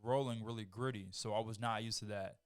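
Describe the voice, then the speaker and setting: A man's voice: on the low side, steady tone, brisk, clean tone. A man guesting on a podcast in casual chat, laid-back and swearing freely.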